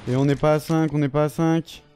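A man giving excitable, slang-heavy commentary over his own gameplay, swearing often. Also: a little high, brisk, faint music behind. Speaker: gaming video creator.

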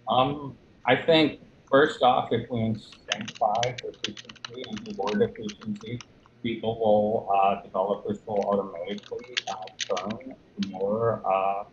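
A man answering questions remotely in a halting way with many ums and uhs, his voice breaking up over an online stream. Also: on the low side, steady tone. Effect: breaking-up online stream audio. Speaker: conference speaker answering questions. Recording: dull lo-fi stream with faint noise.

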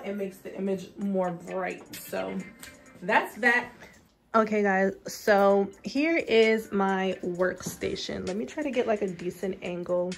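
Chatty young woman touring her salon. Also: medium pitch. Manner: chatty, addresses viewers as guys, many fillers. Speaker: loctician giving a salon tour. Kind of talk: casual vlog walkthrough. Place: small home salon room, indoors.

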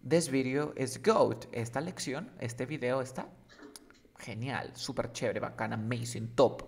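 A man's voice: medium pitch, measured pace, gravelly. A man teaching English slang in a casual lesson, often checking that the student follows. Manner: lively, checks understanding often.

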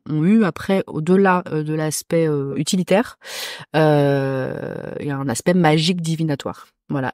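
A woman from Corsica, a podcast guest who reads runes, talking casually with many hesitant pauses. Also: low-pitched, darkish tone, no echo, studio quality. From Corsica, France. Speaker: podcast guest, rune reader. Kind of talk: casual chat.

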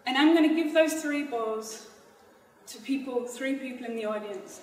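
A woman performance artist speaking to a live audience on stage, halting and informal, explaining instructions slowly. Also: on the high side. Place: stage in a hall before an audience. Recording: echoey hall recorded from far off.

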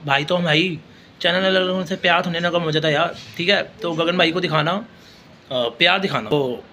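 A man's voice: on the high side, sharp tone, a little hiss or hum. A young man chatting casually to viewers as a vlogger, filming himself on a phone at arm's length outdoors. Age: young adult. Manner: chatty, addresses viewers as brother. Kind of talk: casual vlog talk. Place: outdoors at a home doorway.

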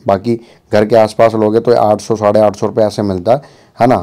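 A man's voice: lowish voice, dark tone. A young man vlogging casually from an outdoor market, chatting and repeating himself as he walks through. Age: young adult. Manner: chatty, repetitive, keeps saying "bhai" and "theek hai". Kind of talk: casual market walkthrough vlog. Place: outdoor open-air market.

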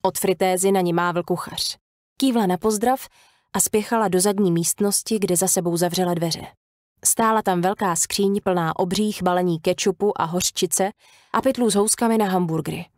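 A woman narrating a thriller audiobook in a measured, even storytelling voice. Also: fairly low pitch, dry recording, studio quality.

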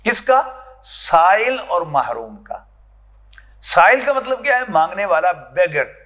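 A man's voice: sits high, very animated, takes it slowly, fairly bright tone. A man with a Pakistani Urdu accent giving a classroom lecture on scripture, often putting questions to his students. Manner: explaining, asks the class questions. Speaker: Quran lecturer. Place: lecture hall.

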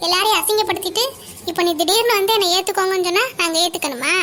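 A sharp-tongued cartoon mother, as a woman voices her, scolds in a harsh, bossy way. The voice sits very high and bright. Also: steady tone, fast, a little hiss or hum. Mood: scolding. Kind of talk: cartoon dialogue acting.

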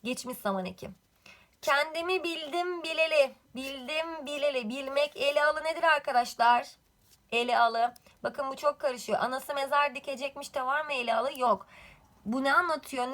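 Bright high-voiced woman teaching grammar. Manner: quizzing the class with repeated questions. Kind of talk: grammar lesson.

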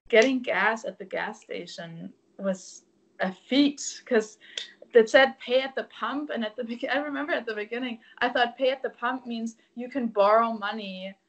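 A young German musician, a native speaker from Germany with a German accent, joins a casual interview over a video call from home. She tells her stories openly, candidly and reflectively. Her voice sits on the high side with a fairly bright tone, and the recording is rough.

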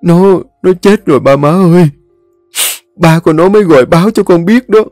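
A man's voice: medium pitch, expressive, fast talker, mellow, no echo, studio quality, soft background music, natural voice. A man voicing a young man who insists and reassures his friend. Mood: shocked. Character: young man trying to stay calm.

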